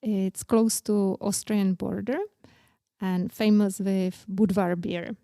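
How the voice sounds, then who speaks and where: A woman in her forties with a Czech accent, speaking English as a second language, telling about her life as an interview guest in halting, earnest sentences. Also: medium pitch, fairly even intonation, warm tone, no echo, clean studio sound. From Czech Republic. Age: 40s. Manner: halting non-native English, plain and earnest. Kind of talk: casual interview.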